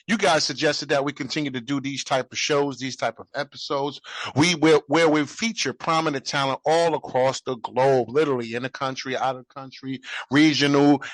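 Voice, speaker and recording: A man hosts a casual podcast interview in an upbeat way, tossing in short affirmations. His voice sits a little high. The sound is dry and close. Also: fairly bright tone, no echo. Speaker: podcast host.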